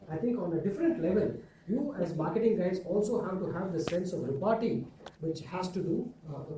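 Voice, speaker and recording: A man's voice: high voice, far from the mic, background noise. Joking male guest speaker in an echoey room. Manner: jokey storyteller. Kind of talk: motivational lecture with anecdotes. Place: lecture room.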